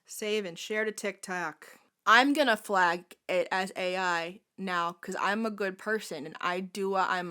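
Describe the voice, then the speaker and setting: A young woman video creator giving sardonic, lively comedic commentary while testing an app, often laughing. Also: medium pitch.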